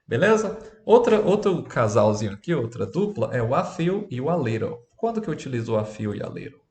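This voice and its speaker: Brazilian man, English teacher, lively intonation, chatty, checks in with class, echoey room. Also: mid-range voice, fairly quick. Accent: Brazilian Portuguese. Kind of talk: teaching a lesson.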